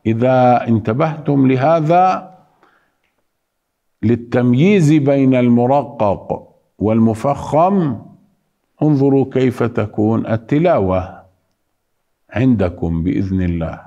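A male recitation teacher with a mellow, unhurried delivery, drilling pronunciation by repeating sounds again and again. He speaks calmly and deliberately, as in a class. The recording is a little dull and lo-fi. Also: medium pitch. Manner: patient, repeats single sounds slowly to drill them. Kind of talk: tajweed lesson with recited examples.

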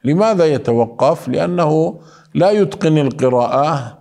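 A man teaching Quran recitation rules, explaining slowly and calling his listeners beloved ones. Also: on the high side, expressive, vocal fry, warm tone. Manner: explains slowly, then chants verses in a drawn-out melody. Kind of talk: recitation lesson with chanted examples.

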